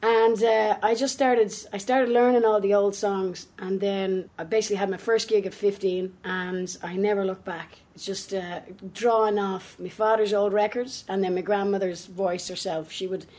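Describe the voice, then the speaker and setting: A woman's voice: mid-range voice, fairly even intonation, moderate pace, few pauses, darkish tone. An Irish woman with a big, brassy voice, telling anecdotes in a casual, jokey interview chat. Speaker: folk singer, interview guest.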